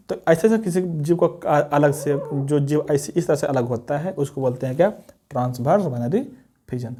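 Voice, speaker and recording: Mellow-voiced biology teacher. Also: male voice, on the high side. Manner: asks rhetorical questions and answers them; repeats key terms, mixes Hindi and English. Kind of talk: blackboard lesson.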